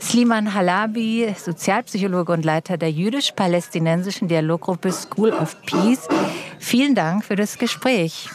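A woman radio host asking composed, brisk questions and moderating an interview in a studio. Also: medium pitch, background noise.

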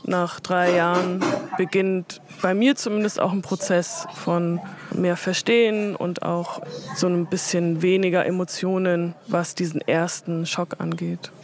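A woman who grew up in Germany, giving measured, reflective answers in an interview. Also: on the low side, level tone, background noise. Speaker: interview guest.

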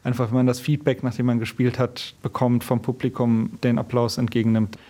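A man, a musician in an interview, answering in a measured, thoughtful and modest way. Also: mid-range voice, flat delivery, mellow.

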